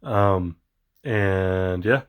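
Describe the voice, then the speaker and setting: A toy-collecting vlogger talks loosely and unscripted in a slightly low voice, rambling with plenty of ums and uhs. Excited but tired as though it's late at night, he draws out his words in a clean tone, like a hobby vlog.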